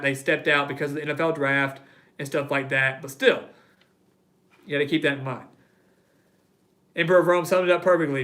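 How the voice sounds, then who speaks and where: A man's voice: a little high, a bit bright. A man hosting a live sports talk stream, reading viewer comments and ranting heatedly, repeating phrases for emphasis. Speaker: host of a live sports show.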